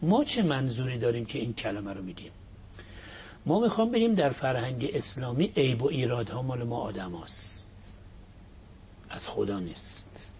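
A man giving a religious talk as a cleric. He explains points quickly and then slows right down to recite verses in a drawn-out chant. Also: medium pitch, big pitch swings, a little mellow, a little hiss or hum. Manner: shifts between quick explanation and slow, drawn-out Arabic recitation.

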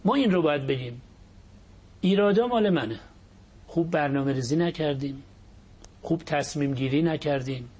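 A man giving a religious talk as a cleric. He explains points quickly and then slows right down to recite verses in a drawn-out chant. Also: a little high, lively intonation, a little mellow, husky. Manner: shifts between quick explanation and slow, drawn-out Arabic recitation.

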